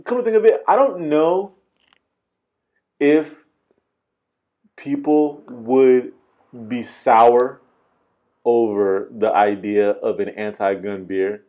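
A man co-hosting a podcast in casual chat, joking and swearing with deadpan asides. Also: medium pitch, slow pace, long pauses, dull audio. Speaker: podcast co-host.

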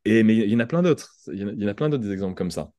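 A man's voice: lowish voice, animated, very fast, warm tone, no room sound, studio quality. A French man speaking as a podcast guest, explaining thoughtfully with examples and frequent restarts. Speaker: podcast guest, language entrepreneur. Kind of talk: conversational interview.

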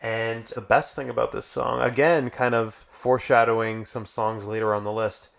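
A man's voice: mid-range voice, level tone, moderate pace, vocal fry. A man co-hosting a casual music podcast, explaining songs in a thoughtful, easygoing way. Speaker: podcast co-host.

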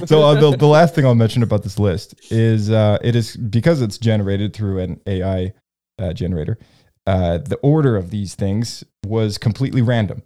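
A man's voice: lowish voice, moderate pace, warm tone. A man hosting a casual group discussion, rambling with lots of ums and restarts. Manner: rambling, many fillers and restarts. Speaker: podcast host leading discussion.

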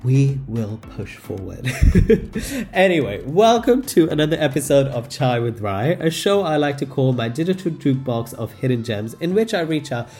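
A man's voice: a little high, big pitch swings, moderate pace, a little mellow, soft background music. A man with a slightly nasal, cold-affected voice, hosting a podcast in an informal, effusive way. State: recovering from a cold. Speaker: podcast host. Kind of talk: chatty show introduction and interview.

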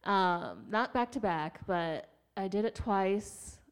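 A woman hosting a casual chat, telling stories in an animated way and laughing often. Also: medium pitch, slow, clean tone. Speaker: podcast host.

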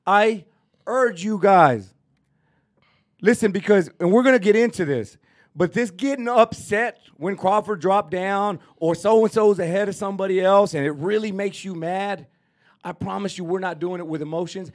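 Speaking at normal speed in a high-sitting voice, a Texan man co-hosts a casual boxing talk show. His arguing is emphatic and repetitive, turning into a rant over the sports debate.

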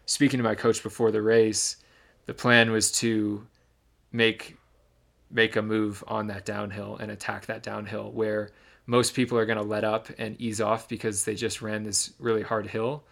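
Gravelly low-voiced young man recounting a race. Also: moderate pace. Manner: relaxed storytelling with many ums and restarts. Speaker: podcast co-host, runner. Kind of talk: casual chat, recounting a race.

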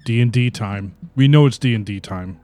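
A man's voice: medium pitch, normal speed, warm tone, faint music behind. A man co-hosting a podcast, joking crudely and dryly, then narrating as dungeon master. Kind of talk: casual podcast banter and game narration.

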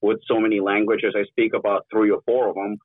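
A Ukrainian man in his forties, with a mixed, Russian-tinged accent, is a guest on a casual podcast interview, talking bluntly and candidly and swearing freely. His fairly low, slightly rough voice is flat and a little fast, on a dry recording over a tinny, phone-like line.

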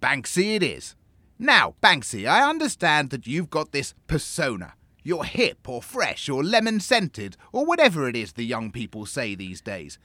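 A man's voice: on the high side, wildly swooping pitch, moderate pace, pushed and bright, dry recording, full character voice. A man playing a smug, greedy male arms-dealer businessman in a comedy sketch, oily and condescending.

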